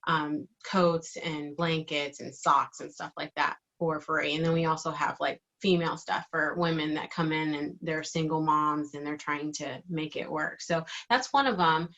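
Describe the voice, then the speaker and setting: A woman's voice: deep voice, fairly even intonation, moderate pace, a bit bright, lo-fi sound. A middle-aged woman giving casual, informal interview answers, with hesitant phrasing and thoughts that trail off. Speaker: interviewee, digital marketing team member.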